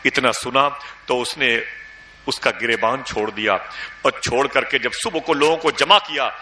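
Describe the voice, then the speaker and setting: A man preaching in Urdu with an Indian accent, telling a story dramatically with loud emotional surges. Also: mid-range voice. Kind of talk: impassioned religious storytelling sermon. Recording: echoey hall sound.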